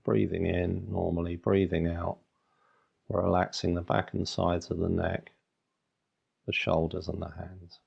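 A man leading a guided meditation, giving soothing, unhurried instructions in short phrases with long pauses, on a slightly dull recording. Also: deep voice, completely flat delivery, vocal fry, slightly rough.

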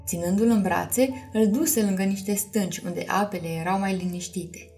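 A woman's voice: medium pitch, mellow. Woman reading a children's storybook. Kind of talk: storybook read-aloud. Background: faint music.

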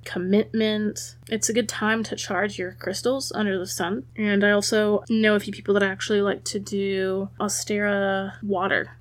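A woman with a mid-range voice presents an informal tutorial. She talks casually, as a host would, and guides the listener with gentle, instructive phrasing. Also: mid-range voice. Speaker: host of a spiritual how-to episode.

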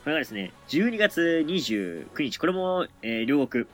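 A man's voice: fairly high pitch, sing-song, moderate pace, soft background music. A man co-hosting a podcast, telling stories in a chatty, easygoing way. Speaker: podcast co-host. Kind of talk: casual podcast chat.

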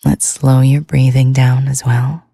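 A woman hosting a sleep podcast, talking in a soft, soothing whisper. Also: rumbling low, flat delivery, a little slow, creaky, husky, dry recording. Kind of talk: whispered ASMR sleep talk.

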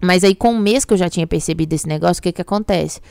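A woman with a Brazilian Portuguese accent, a belief coach speaking candidly to her audience about relationships, emphatic and expressive. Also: lowish voice, fast talker, gravelly, clean tone, no room sound. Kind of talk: candid direct-to-camera relationship talk.

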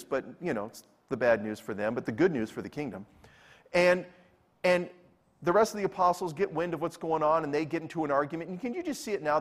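A man preaching a sermon as pastor, telling a story with quoted voices and repeating key phrases for emphasis. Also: fairly high pitch. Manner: animated storytelling, acts out quoted lines.

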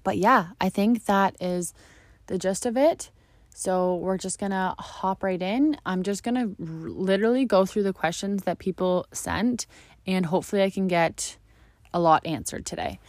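A woman's voice: medium pitch, normal speed, dry recording. A young woman in her twenties from Canada hosting her own podcast, chatting casually and bubbly with plenty of fillers, with a just-woken morning voice. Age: 20s. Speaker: podcast host. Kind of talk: casual solo podcast chat.

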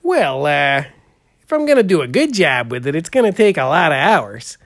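A good-natured, heavyset painter, played by a man, who drawls and fills every pause with "uh". His voice swings widely up and down as he rambles on. The sound is dry and close. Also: fairly high pitch, very animated, fairly bright tone, no echo, full character voice. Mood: goofy. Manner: drawling, rambling, full of "uh" and "there". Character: folksy heavyset male portrait painter, goofy. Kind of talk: improvised comedy interview.

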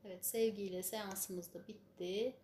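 A woman leading a spiritual healing session as guided meditation and prayer, giving instructions and blessings in measured, solemn phrases. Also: medium pitch, steady tone, dark tone. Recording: echoey room, faint background noise.

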